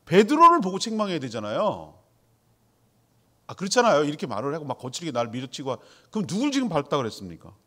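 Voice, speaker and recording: A man's voice: on the high side, wildly swooping pitch, fast talker, a bit bright. A man preaching a sermon in a conversational way, asking the congregation questions and answering them himself. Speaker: pastor.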